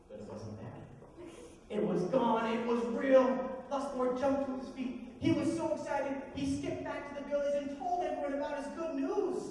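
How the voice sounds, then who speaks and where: A man telling a folktale to children in an animated, playful, expressive way, recorded from afar in an echoey hall. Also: high voice, distant mic, a little hiss or hum. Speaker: storyteller.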